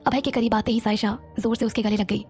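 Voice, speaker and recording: A woman narrating a romantic audio series in a steady storytelling manner. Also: a little high, fast, faint music behind.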